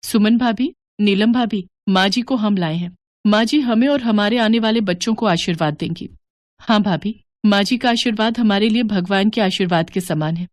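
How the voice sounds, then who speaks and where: A woman voicing kind young daughters-in-law who speak gently and respectfully. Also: medium pitch, moderate pace, close to an everyday voice. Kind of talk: animated moral story voice acting.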